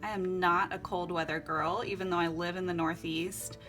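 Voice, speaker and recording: Her voice is lowish and a bit bright, with fairly even intonation and a moderate pace, while faint music plays behind. She's a young vlogger from Florida and Costa Rica, laughing often as she upbeatly shows her journal setup at home.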